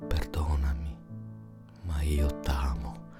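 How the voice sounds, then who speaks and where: A man reading aloud the lines of a young village woman who pleads with her lover in tears, softly and half-whispered. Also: rumbling low, flat delivery, slow, over loud music. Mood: pleading.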